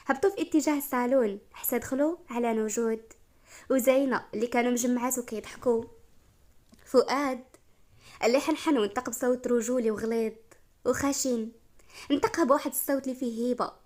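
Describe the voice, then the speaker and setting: A Moroccan woman reads a romance story aloud, expressive and lively. Her voice sits a bit higher than most women's. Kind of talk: story narration.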